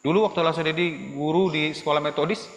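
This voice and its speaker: A man teaching Sunday school to children in a church hall, lively and acting out children's voices. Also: on the high side, brisk. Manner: animated, acts out children's voices. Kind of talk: children's sermon. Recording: echoey hall with long reverb.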